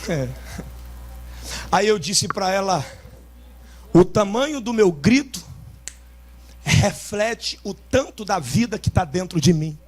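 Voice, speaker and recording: At an outdoor rooftop church service, a pastor with a Carioca Portuguese accent preaches a revival sermon, shouting with great intensity and swinging into softer asides now and then. His high voice is animated and slow, with long pauses.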